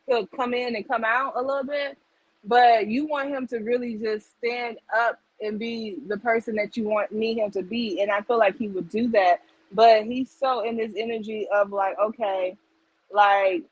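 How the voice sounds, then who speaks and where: A woman's voice: mid-range voice, no room sound, muffled recording. Woman, live psychic tarot reader, casual rambling chat, lots of fillers, close dry sound. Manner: rambling and conversational, heavy on "like" and "you get what I'm saying". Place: home livestream setup.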